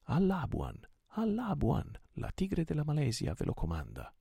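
A fierce, proud pirate chief who barks orders in a rough, gravelly voice, as a male reader puts him on. His bold commands rise high and loud over a dark, dry, low tone. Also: big pitch swings, normal speed, no echo, heavily acted. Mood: rallying.

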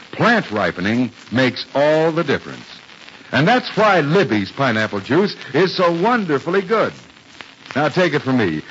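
A man's voice: on the high side, a bit bright. A man announcing and narrating a radio serial in the old-time 1940s manner, addressing young listeners in a folksy, scripted way. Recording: muffled, hissy 1940s radio transcription.

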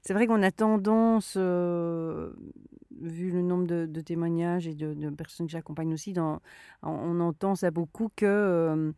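A woman's voice: lowish voice, steady tone, a little slow, mellow, clear, resonant tone, no room sound, clean studio sound. A woman interviewing in a conversational way, with hesitant, searching phrasing as she explains and asks questions. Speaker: interviewer and burnout coach.

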